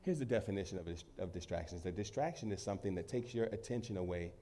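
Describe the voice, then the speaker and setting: Animated pastor with a cold. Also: male voice, low voice, fast talker. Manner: animated, swings between loud emphasis and quiet asides, laughs easily. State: has a cold. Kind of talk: sermon. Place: church in front of a congregation.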